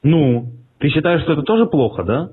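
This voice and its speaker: A man's voice: on the high side, very animated, a little fast, slight background noise. A man making a prank phone call in a mocking, provocative way, swearing as he goes. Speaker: prank caller. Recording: tinny phone line.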